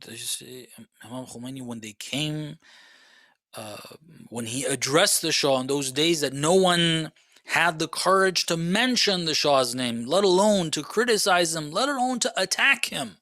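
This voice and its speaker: A man giving a religious lecture in a conversational way, asking rhetorical questions and moving between soft asides and raised, emphatic passages. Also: mid-range voice, dry recording. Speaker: Islamic lecturer.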